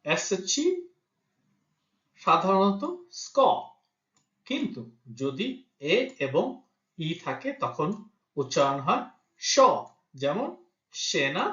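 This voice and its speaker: A man's voice: a little high, very animated, very slow, pauses often, bright, forceful tone, echoey room, lo-fi sound. A man teaching a language lesson, patiently spelling out letters and example words one at a time. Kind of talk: teaching Italian pronunciation in Bengali.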